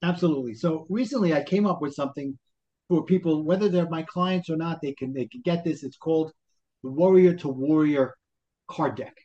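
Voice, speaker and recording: Male life coach, Brooklyn accent, fairly high pitch, motivational and full of rhetorical questions, lo-fi interview sound. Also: brisk, dark tone. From Brooklyn, New York. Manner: motivational, talks in rhetorical questions and acted-out self-talk. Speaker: life coach, podcast guest. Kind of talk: conversational interview explanation.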